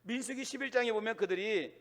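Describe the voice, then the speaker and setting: High-voiced preacher in a big reverberant hall. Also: male voice, fast talker, a bit bright. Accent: Chungcheong. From Chungcheong, Korea. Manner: storytelling with emphatic rising declarations. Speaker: pastor. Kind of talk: sermon. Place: church sanctuary. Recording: long church hall reverb.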